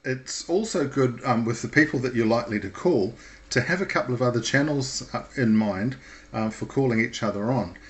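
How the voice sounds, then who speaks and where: A man with a mid-range voice gives an informal instructional talk. He explains things in a measured way, with hesitant pauses.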